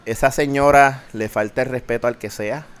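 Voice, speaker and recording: Young man, Puerto Rican accent, podcast host; animated, profane rant, casual code-switching. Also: medium pitch, moderate pace, clear, resonant tone. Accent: Puerto Rican Spanish. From Puerto Rico. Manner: ranting, animated, mixes English into Spanish, swears freely.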